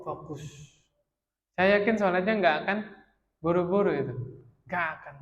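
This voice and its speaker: A male preacher, giving a sermon in a mosque study circle, calling his listeners "Pak", asking them questions, and swinging from loud, emphatic rises to quiet, drawn-out phrases. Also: on the high side. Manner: addresses listeners as Pak, asks rhetorical questions; chants Arabic verses slowly. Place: mosque hall. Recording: long hall reverb.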